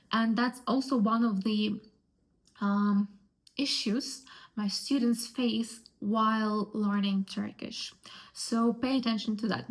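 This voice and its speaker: Female teacher, unhurried, slightly high voice, repeats words for learners. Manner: patient, spells out sounds slowly and repeats words. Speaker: Turkish teacher. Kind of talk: language lesson.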